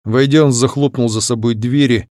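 A man narrating an audiobook in a measured, clear reading voice. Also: mid-range voice, steady tone, a little mellow, no echo, studio quality. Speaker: audiobook reader. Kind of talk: scripted narration.

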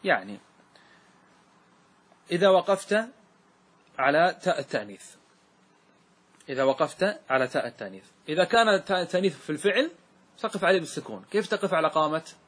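Male grammar teacher, slightly high, husky voice, recites verse and answers his own questions. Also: animated, a bit bright. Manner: asks the class questions and answers them himself, recites verse slowly. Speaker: sheikh teaching Arabic grammar. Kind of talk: classroom lesson on a grammar poem.

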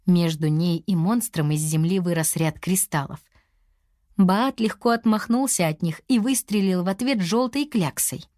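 A woman narrating a children's storybook, reading in an expressive, animated manner. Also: lowish voice, moderate pace, no room sound, studio quality.

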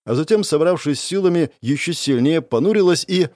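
A man narrating fiction in the first person for an audiobook, expressive and sardonic as he acts out the hero. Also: fairly high pitch, brisk, no room sound, studio quality.

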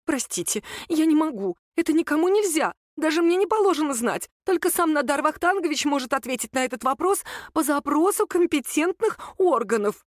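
A woman's voice: sits high, animated, brisk, few pauses, no echo, clean studio sound, pitched above the performer's own voice. A woman voicing a frightened secretary who stammers and pleads in a trembling voice.

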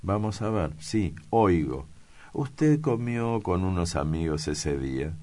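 A man's voice: low-pitched, sing-song, slow, a little mellow, voice pushed up, full character voice. A man voicing a stern male official who gives orders and reasons with a commanding tone.

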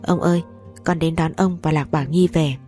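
A woman's voice: deep voice, steady tone, normal speed, warm tone, faint music behind, natural voice. Woman reading as a curt, cold elder brother.

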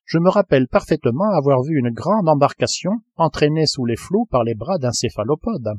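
A man's voice: a little high, expressive, normal speed, darkish tone, slightly rough. A man voicing an earnest, pedantic manservant who speaks with unflappable seriousness, in an audiobook reading.

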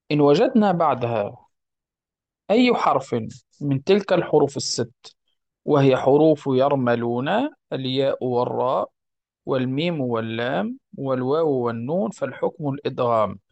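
A man giving a patient lesson on recitation rules, mid-pitched and close to the mic in a dry, dead room. He asks his listeners questions and answers them himself, often correcting himself mid-word. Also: lively intonation, normal speed, pauses often, darkish tone, dry recording. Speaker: Quran recitation teacher. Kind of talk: explanatory lesson on tajweed rules.

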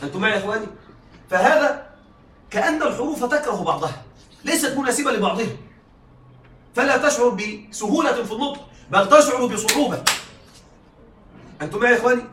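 A man's voice: extremely high pitch, expressive, fast talker, long pauses, a bit bright, a little hiss or hum. A male teacher giving a classroom lecture, often checking that his students are following. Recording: echoey room, mic far off.

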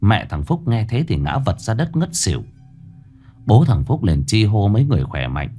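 A man narrating a ghost story in a tense, expressive storytelling manner. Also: medium pitch.

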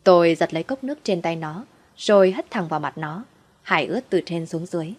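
A woman's voice: lowish voice, a little fast. A woman narrating a first-person family drama story, telling it through the husband's eyes.

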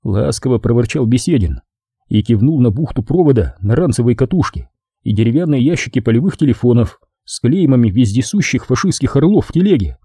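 A man reading a story aloud as an audiobook narrator, with expressive storytelling delivery. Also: medium pitch, a little fast, slightly rough, dry recording, clean studio sound. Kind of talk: scripted narration.

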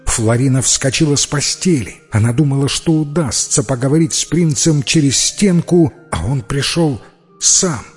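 A man reading a fairy tale aloud in a calm, expressive storybook narration. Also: mid-range voice, normal speed. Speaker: audiobook reader. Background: faint music.

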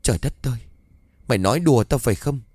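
A man's voice: medium pitch, animated, fast, darkish tone, no room sound, close to an everyday voice. A man voicing a stern middle-aged mother who scolds her daughter bluntly and sharply. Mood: scolding, shocked.

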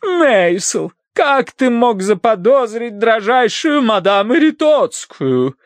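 A man voicing a hysterical, fussy older Victorian lady with a high, wailing voice in an audiobook. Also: sing-song, slow, no echo. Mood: wailing, melodramatic.

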